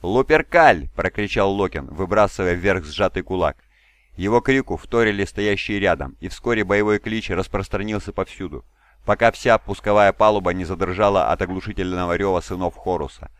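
A man reading an audiobook in a steady, even storytelling way. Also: low-pitched, brisk, dry recording. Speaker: audiobook reader. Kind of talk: audiobook narration. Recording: dry home recording.

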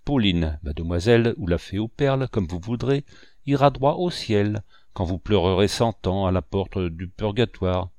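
A man reading the part of a gruff, teasing old uncle who is a painter, in a dry, mocking tone. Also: lowish voice, lively intonation, moderate pace, a little mellow, dry recording, lightly acted. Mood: bourru. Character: vieil oncle peintre, bourru et taquin.

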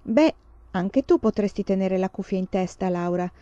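A gentle, patient pioneer mother, put on by a woman reading a storybook. She speaks softly and mellowly, close to a whisper. The recording is dry and slightly muffled. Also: mid-range voice, normal speed, no echo, lightly acted. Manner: soft, gentle, near whisper.

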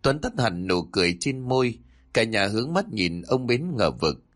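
Male storyteller, low voice with lively swings, narrates a family drama and voices its characters. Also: normal speed. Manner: expressive, voices the family members in dialogue.

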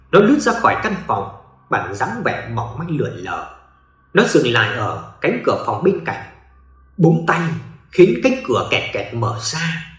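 A man's voice: a little high, reverberant. A man giving dramatic scripted narration of a ghost story.

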